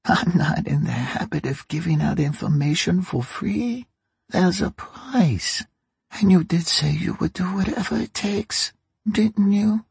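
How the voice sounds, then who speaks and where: A dry, raspy old crime matriarch, as a male reader puts her on, sly and mocking as she bargains. Her voice is husky and gravelly, raised well above the reader's own, and slow and drawn out. It is recorded close and dry. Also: sits high, a little mellow, no room sound, voice pushed up, full character voice. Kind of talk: audiobook character reading.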